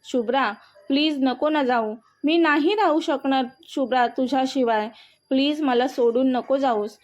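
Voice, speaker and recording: A woman's voice: sits high, measured pace. Woman reading as a devoted young husband. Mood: pleading. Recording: dull, muffled audio.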